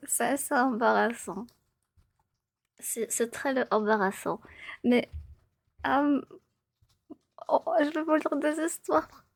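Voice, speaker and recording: A young woman streaming from home on a close mic, chatting playfully with her viewers, giggling, swearing and slipping into soft whispers. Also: on the high side, vocal fry, no room sound. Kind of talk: casual live stream chat.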